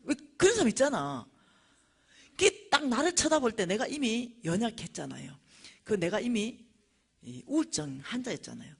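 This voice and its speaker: A middle-aged woman, lecturing at a church and telling a personal testimony with animated storytelling. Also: on the high side, moderate pace, creaky, breathy edge. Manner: animated storytelling, acting out dialogue.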